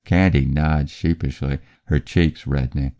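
Very deep-voiced male audiobook narrator. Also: steady tone, a little slow, mellow. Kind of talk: scripted first-person narration.

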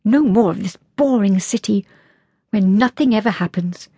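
A woman voicing a bold, mischievous teenage schoolgirl who exclaims brightly. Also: mid-range voice, normal speed, breathy edge, no room sound. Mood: excited.

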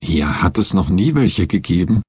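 A male narrator putting on a grumpy, sarcastic man in a storybook audiobook. The voice croaks and cuts, low and husky. The sound is close and dry. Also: animated, normal speed, darkish tone, no room sound, full character voice.

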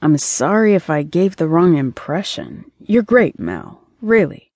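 A man's voice: on the high side, huge pitch swings, unhurried, darkish tone, dry recording, full character voice. A woman voicing a casual, commitment-shy young boyfriend in an audiobook, with a breezy, evasive way of talking.

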